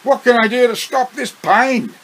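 A man's voice: very high voice, animated, normal speed, a bit bright, voice pushed up, exaggerated voice. A man with an Australian accent voicing an adult man wracked with pain, who curses in strained outbursts. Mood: anguished.

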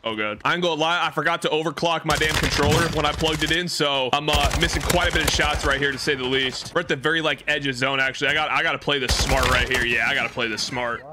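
A man commentating his own gameplay, excitable and trash-talking, swearing often. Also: fairly high pitch, fast talker, hardly any pauses, heavy background noise. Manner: excitable, swears a lot, trash-talks opponents. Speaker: gaming creator. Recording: loud game gunfire behind voice.

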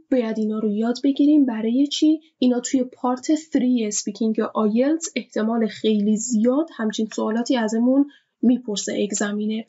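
A woman teacher giving a vocabulary lesson, explaining words slowly and repeating each one with its meaning. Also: on the high side, dark tone, breathy edge. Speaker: English teacher. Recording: dull lo-fi recording.

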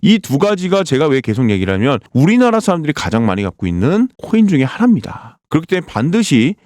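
Emphatic man with wildly swinging pitch. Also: big pitch swings, fast, darkish tone, no echo, studio quality. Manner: emphatic, quizzes listeners with rhetorical questions and answers them himself. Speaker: crypto channel host. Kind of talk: sales-pitch chart walkthrough.

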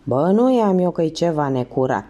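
Woman putting on a nosy grumbling concierge, lively and indignant, mellow tone. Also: low voice. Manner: quick, defensive and indignant. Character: suspicious gossipy old female concierge.

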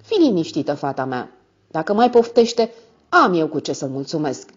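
A woman voicing a calm, commanding male stranger with a firm, threatening manner. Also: deep voice, slightly rough, muffled recording, heavily acted.

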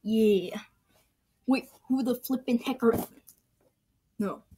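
Brief: woman voicing a toy fight, husky voice that is a little high, slow and excitable. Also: dry recording. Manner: excitable, jumps between yelps and mumbling; coughs now and then. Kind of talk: playing out a toy battle aloud.

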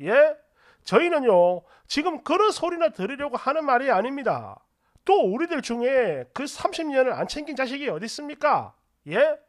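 A man's voice: extremely high pitch, very animated, moderate pace. A man voicing an exasperated middle-aged son who argues heatedly with his stubborn father in a story read aloud. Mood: heated pleading. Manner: heated, pleading.

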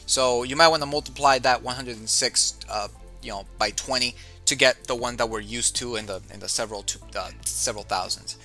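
Soft background music plays as a man with a mid-range voice briskly hosts an investing show. It's a casual market chat with a guest, full of energy, as he reads stock prices and throws in "dude."

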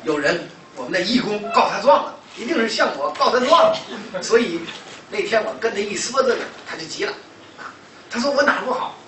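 Give me a lecturer with a Shandong Mandarin accent who acts out conversations with lots of chuckles. The voice rises and falls a great deal, and it sounds distant and roomy over steady background noise. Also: mid-range voice, brisk. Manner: animated storytelling, acting out conversations, laughing often. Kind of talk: storytelling lecture. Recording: echoey, distant, noisy room recording.

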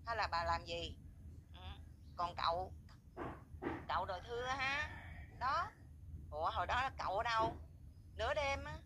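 A woman's voice: on the high side, animated, normal speed, pauses often, noisy background. A woman, an outraged viewer scolding and repeating herself as she rants. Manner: indignant, scolding, repetitive. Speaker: viewer voicing complaints. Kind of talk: angry spoken rant.

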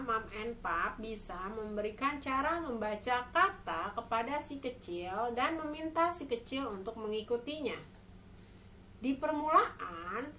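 A woman's voice: on the high side, pushed and bright, recorded from a distance. A woman in her thirties giving instructions to parents as a mother teaching reading, enunciating each phrase carefully. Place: small room at home, indoors. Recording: clear background noise, room ambience.

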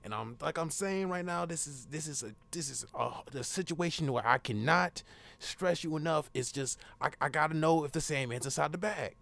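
Gravelly yet fairly bright in tone, a young man's voice runs on the high side at normal speed. He is the caller in an improvised prank phone call, rambling insistently and repeating himself.

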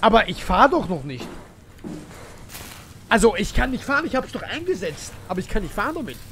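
A man streaming a horror game live, chatty and impatient, talking to his chat and to himself, swinging from mumbles to loud outbursts. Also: sits high, very animated, a little fast, slight background noise. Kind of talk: live gameplay commentary.

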